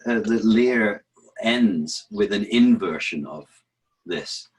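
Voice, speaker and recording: A man's voice: on the low side, slow, slightly rough, poor audio. A man answering as an interview guest, explaining verse rhythm, often restarting and repeating words as he thinks. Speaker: interview guest, actor and author.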